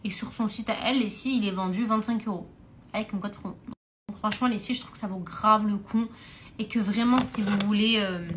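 A woman's voice: mid-range voice, steady tone, brisk, noisy background. A young woman chatting casually in a vlog, often turning to her viewers as girls. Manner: chatty, keeps addressing viewers as "les filles". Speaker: vlogger. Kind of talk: casual vlog chat to followers.

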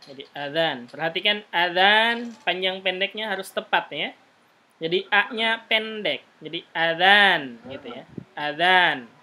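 A man's voice: high voice, lively intonation, normal speed, bright, forceful tone. A man teaching an Arabic class, patiently drilling pronunciation and tagging sentences with "gitu, ya". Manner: patient, repeats "gitu, ya" tags. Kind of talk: online class instruction.

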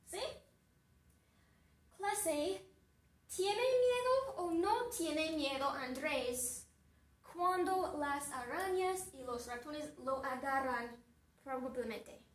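Lady teacher asking the class the same questions over and over, super slow, roomy echo. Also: high voice, distant mic. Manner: slow, deliberate questioning with lots of repetition. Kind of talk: story-based language lesson.

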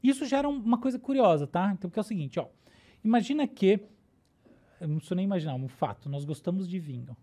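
Mellow-voiced Brazilian woman explaining patiently. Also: medium pitch, lively intonation, fast talker. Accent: Brazilian Portuguese. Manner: explanatory, often checks in with "tá?" and "né?". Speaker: neuroscientist guest. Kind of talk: casual podcast explanation.

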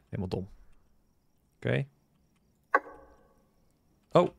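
A man's voice: mid-range voice, sing-song, takes it slowly, creaky, dry recording. A man casually commentating on a game he is playing, joking and bantering with the characters on screen. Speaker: gaming video host. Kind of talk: casual let's-play commentary.

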